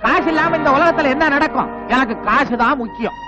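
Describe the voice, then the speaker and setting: A greedy scornful guru. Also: male voice, extremely high pitch, brisk, music in the background. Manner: scornful, mocking. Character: greedy money-minded male guru, scornful. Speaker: greedy guru leading pilgrims. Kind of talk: 1980s Tamil film dialogue.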